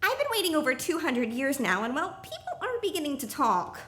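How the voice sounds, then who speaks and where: Clara, a very high-voiced eager apprentice angel. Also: female voice, sing-song, brisk, fairly bright tone. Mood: hopeful, sheepish. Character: eager, flustered apprentice female angel, over two hundred years old. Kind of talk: live vintage-style radio play acting.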